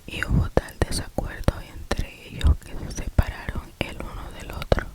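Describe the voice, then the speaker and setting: A person reading scripture as ASMR in a cupped-hand whisper, very close to the mic as if into the ear. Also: a little slow. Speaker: ASMR reader. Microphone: very close to the mouth.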